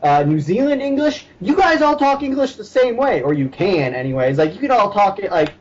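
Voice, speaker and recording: A young man with a high, bouncing voice tells stories in a casual podcast chat and laughs often. The sound is a bit muffled, with faint hiss behind him. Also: a little fast. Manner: animated storyteller, laughs often.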